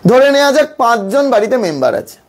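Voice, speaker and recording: A man with a notably high voice gives a devotional teaching as a monk. He speaks in calm, measured phrases and repeats words for emphasis. His voice often sinks low and slows on the points that matter most. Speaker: monk teaching spiritual practice.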